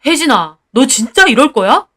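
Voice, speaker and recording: A woman's voice: high-pitched, big pitch swings, normal speed, bright, forceful tone, pitched above the performer's own voice, full character voice. A woman voicing an exasperated husband who sides with his mother, speaking irritably in a storybook tale. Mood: irritated. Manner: pleading, irritated.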